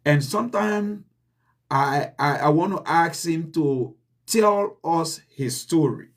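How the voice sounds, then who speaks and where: A channel host with a Liberian accent and a fairly high-pitched voice gives his viewers an earnest, deliberate motivational address, repeating key points for emphasis.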